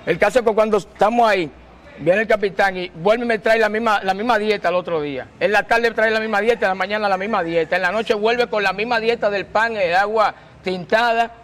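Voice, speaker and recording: A man, a guest telling his story in an animated, slangy way and acting out the quotes. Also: sits high, brisk. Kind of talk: casual storytelling.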